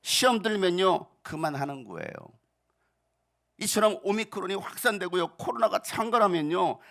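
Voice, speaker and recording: A middle-aged man preaching a sermon as pastor, emphatic, asking rhetorical questions and swinging between soft and loud passages. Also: high-pitched, moderate pace, gravelly.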